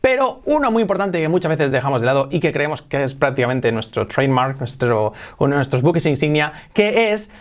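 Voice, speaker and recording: An upbeat young man with a Spanish accent hosts a bilingual English lesson. His voice sits a bit high for a man. He drills English phrases, first slow and clipped, then linked and quick. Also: a little hiss or hum. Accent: Spanish from Spain. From Spain. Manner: energetic, repeats English phrases slowly then fast. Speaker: English teacher.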